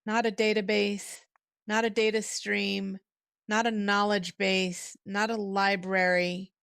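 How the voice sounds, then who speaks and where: A woman's voice: mid-range voice, flat delivery, slow, gravelly, fairly bright tone, clean tone, no room sound, studio quality. A woman hosting a livestream in a chatty way, laughing often, heard through a headset mic. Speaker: livestream host. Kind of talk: casual livestream chat.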